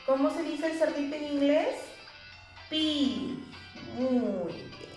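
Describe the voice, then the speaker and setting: A woman's voice: sits high, animated, takes it slowly, reverberant, soft background music. A young woman teaching English words to preschoolers, repeating each word and having the children say it back. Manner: warm and encouraging. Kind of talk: slow, sing-song lesson for small children.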